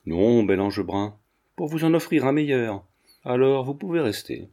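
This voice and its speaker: A man reading a jaded young gentleman who speaks with ironic, exaggerated politeness. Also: medium pitch, expressive, normal speed, lightly acted. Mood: mock-gallant.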